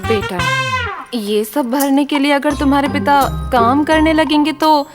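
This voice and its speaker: A woman's voice: sits high, fairly even intonation, measured pace. An actress dubbing a stern mother who scolds her son. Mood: scolding. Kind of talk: Hindi film dub. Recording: film soundtrack with loud music.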